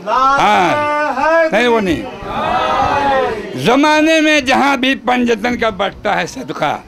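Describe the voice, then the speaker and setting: A man's voice: sits high, gravelly. A man reciting devotional poetry at a shrine gathering, repeating each couplet and chatting with the audience between verses.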